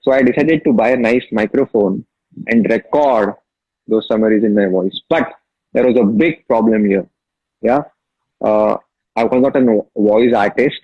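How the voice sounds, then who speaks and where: Lowish and breathy at a moderate pace, this man's voice is captured dry, with a dull lo-fi sound. He's an app founder from Maharashtra speaking Marathi-accented Indian English, telling his story emphatically as a casual interview guest and repeating key phrases.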